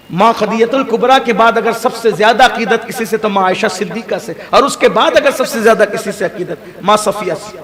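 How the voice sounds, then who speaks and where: A man preaching a sermon to a live audience, fervent and emphatic, often tossing rhetorical questions to the listeners. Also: fairly bright tone. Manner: fervent, rises to high emphatic peaks, rhetorical asides to the audience. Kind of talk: impassioned sermon. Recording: crowd audible around live sermon.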